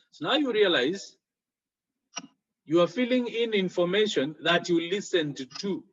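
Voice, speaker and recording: A man's voice: on the high side, fairly bright tone, husky, highs cut off. A man teaching a French exam lesson, explaining each step with worked examples.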